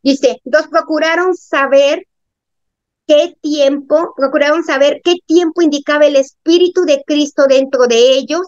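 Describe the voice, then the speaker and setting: High-voiced woman preaching a Bible study. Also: fairly even intonation, unhurried, darkish tone, no echo. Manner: earnest teaching, with questions to the audience. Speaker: pastor and prophet. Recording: dry, dull lo-fi sound.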